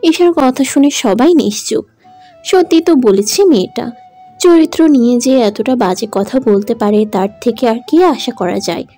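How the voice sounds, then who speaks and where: A woman's voice: fairly high pitch, mellow. A woman narrating a romantic audio drama in an emotive, dramatic manner. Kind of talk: scripted story narration.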